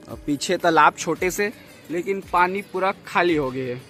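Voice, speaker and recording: A vlogger with a Chhattisgarhi accent walks around his house and rooftop outside, narrating a relaxed family vlog and talking to viewers as if they were friends. He has a high, sharp-toned voice at a moderate pace. Music plays behind him.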